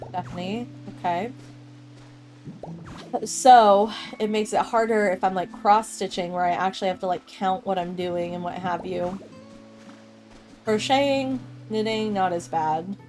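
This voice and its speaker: It's casual gameplay chat: a young adult woman streaming a game talks with viewers at a measured pace, her medium-pitched voice a little mellow. She drifts from thought to thought, laughs often, and faint music sits behind her.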